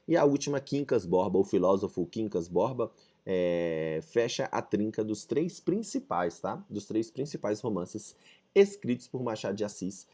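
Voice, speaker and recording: A young man with a Brazilian Portuguese accent giving a casual, slangy literature lesson to high school students, dropping in English phrases. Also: darkish tone. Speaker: literature teacher.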